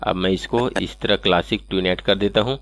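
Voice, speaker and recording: A man's voice: low voice, brisk, no echo. Man explaining step by step, dry close mic. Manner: step-by-step, repeats "ठीक है" often. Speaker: animation tutorial host. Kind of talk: screen-recorded software tutorial.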